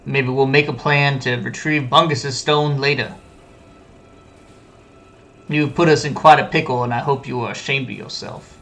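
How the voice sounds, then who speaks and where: A stern ship's officer in a tabletop fantasy game, acted by a man, with a bright, firm voice. He speaks with the grave reproach of a disappointed parent. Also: mid-range voice, fairly even intonation, normal speed, gravelly, long pauses, soft background music.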